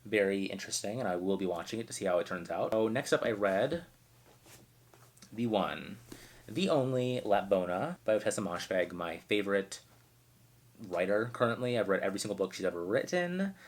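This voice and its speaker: A man's voice: lowish voice, lively intonation, moderate pace. A man from Arizona reviewing books in a casual, chatty way, full of asides and "like". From Arizona, United States. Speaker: book reviewer.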